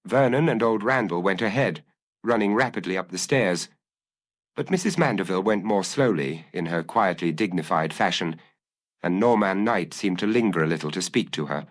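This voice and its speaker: A man narrating a dramatic audiobook in a measured storytelling manner. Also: deep voice, lively intonation.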